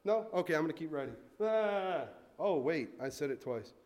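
A man as a pastor preaching a sermon in a lively, conversational way, with asides to the congregation. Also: fairly high pitch, normal speed.

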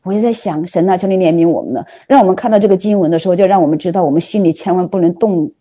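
A woman preacher giving a sermon, telling the story with animated delivery and frequent rhetorical questions. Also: on the low side, rapid-fire, slightly rough, dull audio.

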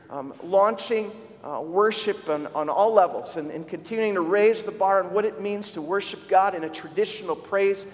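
High-voiced pastor in an echoing church. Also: male voice. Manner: conversational, frequent restarts and repeated words. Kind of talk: sermon with church updates. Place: church sanctuary. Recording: long church reverb.

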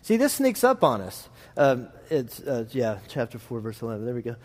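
A man's voice: medium pitch, big pitch swings, moderate pace. A man with a rural Texas drawl preaching conversationally, in a folksy, rambling, self-deprecating way. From Texas, United States. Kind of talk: conversational sermon with anecdotes. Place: large reverberant room, preaching to a congregation. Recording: reverberant hall sound.

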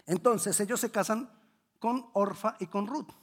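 Bible class teacher, retelling a scripture story, repetitive, emphatic, quizzes the class, self-correcting, mid pitch. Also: a little slow. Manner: corrects own slips mid-sentence.

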